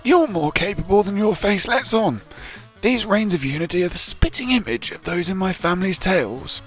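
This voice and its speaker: A man's voice: high voice, animated, normal speed. A man voicing a polite, old-fashioned village mayor with formal, apologetic phrasing, over faint game music. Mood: pleased. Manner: formal, courteous, put-on British phrasing. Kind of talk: reading game dialogue aloud.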